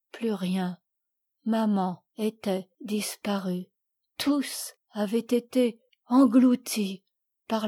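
A woman reading the part of a little girl who sadly recounts a shipwreck, in a gentle, measured voice. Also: mid-range voice. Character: little girl recalling a shipwreck, sad and earnest. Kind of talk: audiobook reading.

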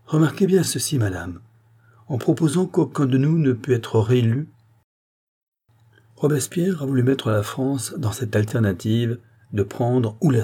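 A man's voice: mid-range voice, warm tone, husky, natural voice. A man voicing an earnest male politician who urgently explains and warns a queen, in a French audiobook reading.

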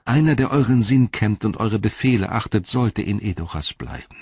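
A man voicing a sly, treacherous male royal adviser, slow and wheedling. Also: lowish voice, animated, a little mellow, breathy edge, no echo, highs cut off, voice pushed up. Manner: wheedling, drawn-out.

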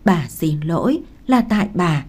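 A woman's voice: fairly low pitch, sing-song, measured pace, darkish tone, breathy edge, exaggerated voice. A woman reading the lines of a grieving older grandmother who tearfully pleads and apologizes, in an audiobook. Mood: remorseful.

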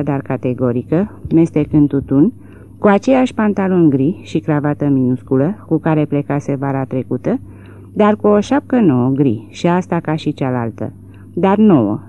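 Low, dark-voiced woman narrating a novel. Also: lo-fi sound. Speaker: audiobook narrator. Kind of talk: literary audiobook narration.

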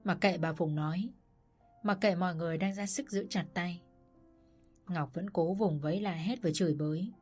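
Female audiobook narrator, lower register, steady dramatic delivery over faint music. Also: moderate pace. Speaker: storyteller.

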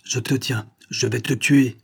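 A man's voice: mid-range voice, steady tone, unhurried, vocal fry, breathy edge, exaggerated voice. A man voicing a cunning male fox who threatens his captive in harsh, scornful tones, in a storybook reading. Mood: menacing, scornful.

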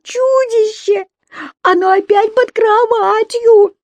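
A woman's voice: fairly high pitch, lively intonation, unhurried, darkish tone, dry recording, voice pushed up. A woman voicing a small frightened raccoon girl who cries and pleads. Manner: tearful, pleading.

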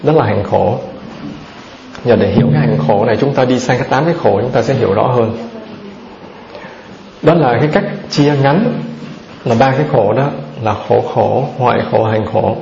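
A man teaches as a Buddhist monk in a dharma talk, his voice gravelly and rough. He runs through terms one by one and asks the audience questions before answering them. The recording is roomy and muffled. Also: medium pitch, moderate pace, long pauses. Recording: roomy, dull, slightly noisy recording.

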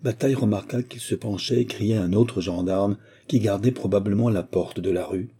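A male audiobook narrator with a very dark, mellow tone and a husky grain. He reads in a low register at a steady, measured pace. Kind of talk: scripted narration.

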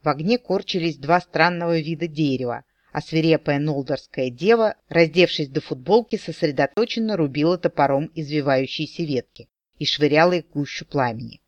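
Lively, fairly high-voiced male audiobook narrator. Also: a little fast, dry recording, muffled recording.

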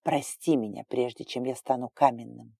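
A remorseful dragon lord speaks softly and tenderly, dropping his voice low, as a woman narrator puts him on. The tone is dark and mellow, close and dry. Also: steady tone, moderate pace, vocal fry, husky, dry recording, heavily acted. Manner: soft, low, sighing.

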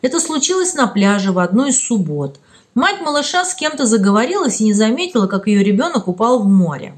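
A woman narrating a children's story as an audiobook, reading in an expressive storytelling way. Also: a little high, a little fast.

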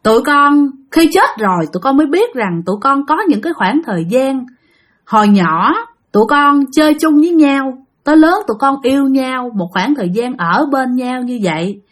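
A woman's voice: sits high, expressive, moderate pace, pitched above the performer's own voice. A woman voicing the tearful ghost of a young man who speaks through a possessed woman and pleads with his parents. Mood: consoling.

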